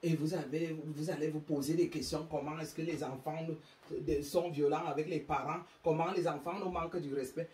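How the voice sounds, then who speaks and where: A woman's voice: sits low, fairly even intonation, moderate pace, a little mellow. A woman from Africa lectures on parenting, emphatic and scolding, often stumbling over repeated words. Her voice rings in an echoey room. She stands at some distance from the mic. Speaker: speaker giving parenting advice. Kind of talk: impassioned monologue to an audience. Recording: roomy sound, mic far off.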